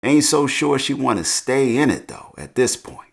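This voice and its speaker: A man's voice: medium pitch, animated, normal speed, gravelly. Laid-back slangy male show recapper. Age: middle-aged. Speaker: TV recap host.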